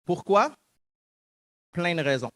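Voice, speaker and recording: Here the Montreal guest speaker, a man in his thirties with a Québécois French accent, sounds high-pitched, very animated, and slow, with a fairly bright tone and a little hiss or hum in the audio. He reflects earnestly on his own story in a public talk, acting out conversations from memory.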